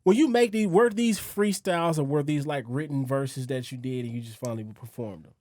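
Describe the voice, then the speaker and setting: A man with a Los Angeles accent hosting a podcast interview, slangy and hyped, with quick repeated reactions. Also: on the high side, darkish tone. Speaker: podcast host. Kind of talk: casual interview chat.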